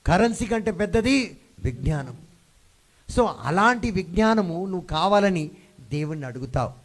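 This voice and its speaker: A man's voice: high voice, expressive, normal speed. A man preaching a sermon, dropping English phrases into his talk and calling out for responses from the congregation. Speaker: pastor. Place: church hall.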